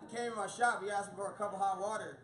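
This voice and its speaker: A man's voice: high voice, steady tone, very fast. A man in his thirties from Florida doing a profane stand-up set, telling stories and acting out the voices of people in them. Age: 30s. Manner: profane, storytelling, acts out quoted voices. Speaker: stand-up comedian. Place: small dark comedy venue. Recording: echoey room with loud crowd. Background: audience laughter.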